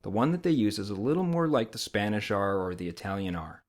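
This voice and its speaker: American male instructor, lowish pitch, conversational explainer who keeps checking in with the learner. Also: fast talker. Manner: conversational, often checking in with "okay". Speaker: language teacher.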